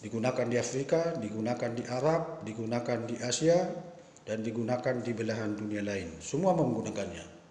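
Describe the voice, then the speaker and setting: Male lecturer, emphatic, mid-pitched, recorded in a reverberant hall. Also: animated, fairly quick, mellow. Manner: emphatic, rhetorical questions. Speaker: professor giving a talk. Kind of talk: spoken lecture to teachers. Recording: echoey room with long reverb.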